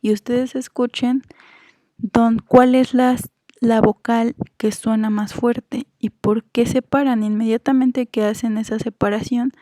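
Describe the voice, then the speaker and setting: Female teacher, slow even delivery, mellow tone; patient explainer who drags out example words. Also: fairly high pitch, dry recording. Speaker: Spanish teacher. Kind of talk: explanatory grammar lesson.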